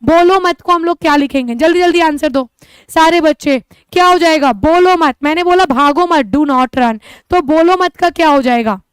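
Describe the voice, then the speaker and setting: In this online lesson, a woman's high voice moves at a moderate pace over a recording free of room sound. Teaching English speaking, she cheers her students on and addresses them as children. Again and again she poses questions and supplies the answers herself.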